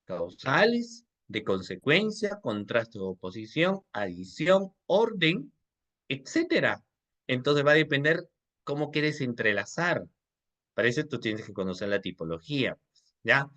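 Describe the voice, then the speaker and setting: A man's voice: medium pitch, a bit bright. A man teaching a class, and his voice rises and falls a lot. He keeps asking his listeners questions and repeating them. He talks to them in a friendly, coaxing way. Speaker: law instructor. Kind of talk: online class lecture.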